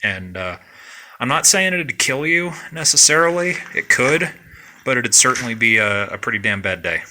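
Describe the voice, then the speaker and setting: A man hosting a mining video, giving a casual, plain-spoken walkthrough inside an underground mine tunnel and often pausing on fillers. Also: medium pitch, animated, bright, forceful tone, slight background noise. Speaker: mining vlog host.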